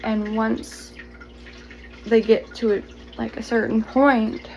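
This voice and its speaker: A woman giving a channeled tarot reading to the viewer, speaking gently, slowly and reassuringly, drawing out her words. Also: fairly high pitch, level tone, vocal fry, a little hiss or hum, low-quality recording. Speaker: tarot reader. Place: home, pets nearby.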